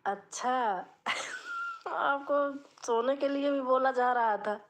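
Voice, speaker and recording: Woman host of a casual live stream, chatty and drawn-out, speech very slow, voice a little high. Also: wildly swooping pitch, fairly bright tone.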